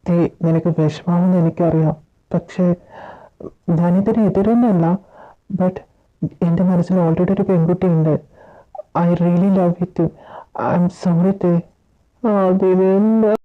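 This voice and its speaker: A woman's voice: lowish voice, fairly even intonation, takes it slowly, long pauses. A woman acting out a fan-made audio story, dramatically switching between character voices. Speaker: storyteller voicing all characters. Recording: phone-like lo-fi audio with faint music.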